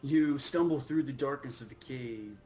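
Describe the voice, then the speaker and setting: A man's voice: medium pitch, moderate pace, darkish tone. A man working as game master, narrating and refereeing a tabletop game in casual conversational language.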